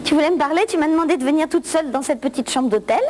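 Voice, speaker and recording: Woman doing a shrill flustered prim woman. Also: very fast, natural voice. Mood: coaxing. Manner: flustered, shrill protests and giggles. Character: naive prim woman, thirty-six, shrieking and flustered. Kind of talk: comic sketch monologue. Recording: noisy old VHS tape recording.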